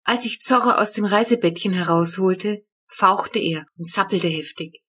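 Woman reading a children's story, breathy. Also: medium pitch, moderate pace, a bit bright. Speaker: author reading her book. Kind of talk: audiobook narration.

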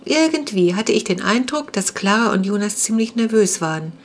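A woman's voice: medium pitch, lively intonation, moderate pace, pitched above the performer's own voice, natural voice. A woman reading a stern, worried father. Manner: firm, serious and questioning. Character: worried middle-aged father questioning his children.

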